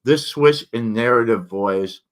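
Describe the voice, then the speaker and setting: A man reviewing books in a casual, halting way, his articulation slurred and tongue-forward as if his tongue were swollen. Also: medium pitch. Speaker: book reviewer and vlogger. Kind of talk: casual spoken book review, partly read aloud.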